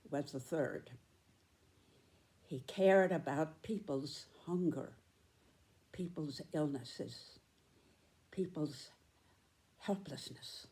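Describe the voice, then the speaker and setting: A woman in her nineties giving a reflective spoken commentary, with deliberate, emphatic phrasing and pauses. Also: lowish voice, dark tone. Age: 90s.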